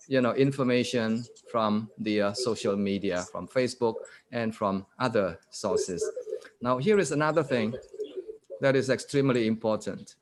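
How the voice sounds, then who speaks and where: Speaking at medium pitch, this male guest lecturer leads a lively session on a video call, firing questions at his audience. He reads each statement slowly and says it more than once.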